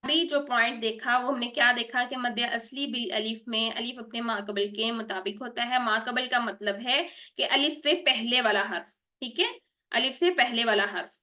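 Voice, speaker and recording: A woman leads an online Quran recitation lesson in a bright, clear voice that sits a little high. She talks patiently, keeps checking in with her students and drags out the sounds she is modelling. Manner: patient, repeats "theek hai" and models sounds slowly.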